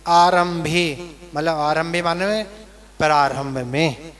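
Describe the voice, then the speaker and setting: A man teaching a verse class, who chants verse lines slowly and then patiently explains their meaning. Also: a little high, steady tone, fairly bright tone, big-room sound. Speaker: Jain monk teaching scripture recitation. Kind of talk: slow scripture class.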